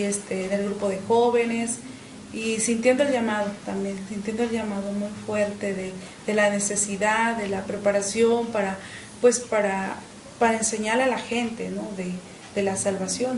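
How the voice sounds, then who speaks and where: A middle-aged woman, giving an earnest personal faith testimony in an interview, often pausing on "este" and repeating words. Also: mid-range voice, steady tone, darkish tone, echoey room, slight background noise, low-quality recording. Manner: earnest, with frequent "este" fillers and repetitions. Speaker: interview guest.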